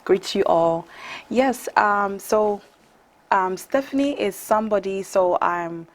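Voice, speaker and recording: A woman in her thirties from Ghana, a guest in a conversational interview, telling her story in a relaxed way with fillers. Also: mid-range voice, slow pace. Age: 30s.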